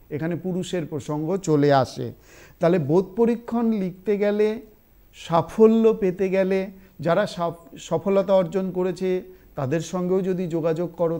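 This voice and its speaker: A male teacher giving an online exam-prep lesson, speaking slowly and deliberately as he dictates a passage and calls out its punctuation. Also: fairly high pitch, dark tone.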